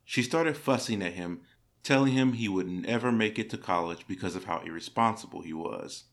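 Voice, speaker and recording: Low-voiced man narrating internet stories. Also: normal speed, a bit bright. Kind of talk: reading internet stories aloud.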